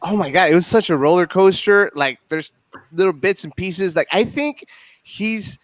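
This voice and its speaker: A man's voice: high-pitched, moderate pace, dry recording. A man on a comedy panel, rambling loosely and filling his talk with "dude" and "uh". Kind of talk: casual comedy panel chat.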